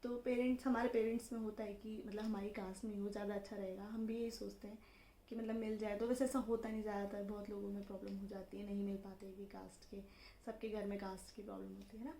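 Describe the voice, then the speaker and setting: A woman's voice: mid-range voice, fast. Chatty young woman in a roomy room. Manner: chatty, animated, acts out dialogue in quotes. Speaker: wife telling her love story. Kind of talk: casual storytelling vlog. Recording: roomy echo with faint background noise.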